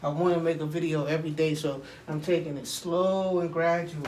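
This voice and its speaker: A man's voice: on the high side, level tone, a little fast, a little mellow, a little hiss or hum. A man chatting casually to camera while working out on a punching bag, rambling and often checking that the listener follows. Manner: rambling, frequent "you know what I'm saying" tags. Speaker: video creator. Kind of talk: casual workout vlog, talking to camera.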